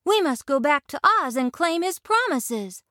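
A woman doing a high, eager little girl. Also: big pitch swings, measured pace, bright, forceful tone, no echo, studio quality, exaggerated voice. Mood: determined. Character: young girl, earnest and determined.

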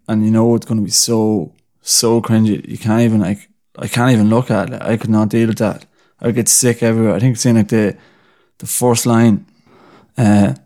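Rambling Irish man with a low voice. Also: warm tone. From Ireland. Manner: rambling, mocking, lots of fillers. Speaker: podcast host. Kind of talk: casual solo podcast rant.

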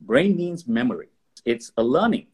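A man being interviewed as an expert, explaining ideas with lively stories and acted-out examples. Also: mid-range voice, normal speed, slightly rough. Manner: animated storyteller, acts out examples in voices. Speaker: guest expert. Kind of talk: conversational interview.

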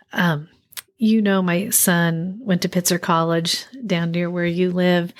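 A middle-aged woman with a mid-pitched voice, hosting a casual interview. She talks with empathy and often restarts her sentences eagerly. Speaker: host, parent of a child with food allergies.

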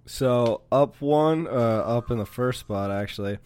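Smooth-voiced man reading sports picks. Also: medium pitch, a little slow. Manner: steady, lists picks one by one. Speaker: sports betting podcast host. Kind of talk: casual sports picks chat.

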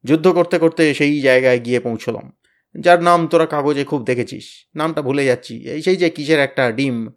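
A man voicing a bossy, blustering teenage boy who leads his gang, loud, threatening and boastful. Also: on the high side, normal speed, natural voice. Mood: boasting. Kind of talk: storybook reading.

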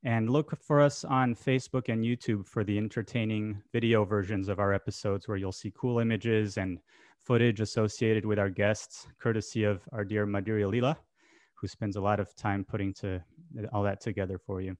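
A man hosting a podcast interview, asking friendly, unhurried questions with some fillers. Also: on the low side, steady tone, a little mellow, dry recording, studio quality. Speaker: podcast host.

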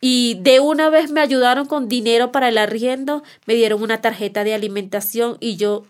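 A woman's voice: a little high, fairly quick. A woman telling her own life story as a mother for a testimony podcast, heartfelt, repeating words for emphasis and acting out past conversations.

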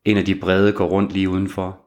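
Brief: male audiobook narrator, somewhat low pitch, measured thriller delivery. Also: completely flat delivery, a little mellow.

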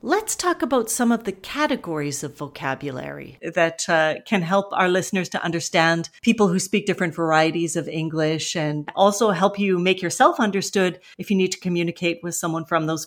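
Speaking at normal speed with hardly any pauses, this West Coast Canadian woman has a fairly low-pitched voice. As a podcast host and ESL teacher she gives friendly, conversational explanations, acting out example phrases for listeners.

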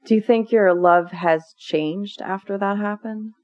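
A woman hosting an interview, asking brief, gentle reflective questions in a casual way. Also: medium pitch, measured pace, no room sound. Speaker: podcast host. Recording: dull, dry lo-fi sound.

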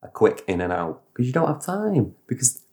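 A man retelling a story in casual podcast chat, animated and rambling, with sound effects. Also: medium pitch, normal speed. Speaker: podcast host.

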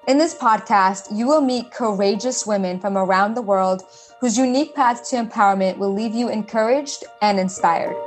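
A woman co-host opens the podcast with a scripted introduction and then moves into casual questions. Faint music sits behind her voice. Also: medium pitch.

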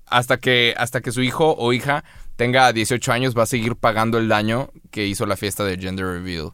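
A man's voice: mid-range voice, fairly even intonation, a little fast, a bit bright, clean tone, dry recording, clean studio sound. A young man with a Monterrey accent, co-hosting a casual podcast chat, blunt and clipped, swearing freely. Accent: Monterrey Spanish. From Monterrey, Mexico. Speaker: podcast co-host.

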